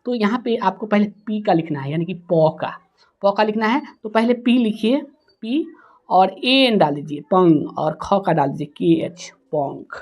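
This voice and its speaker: Woman, teacher, very slow, spells out letter by letter, mid-pitched voice. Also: animated, a little mellow. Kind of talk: spelling lesson for students.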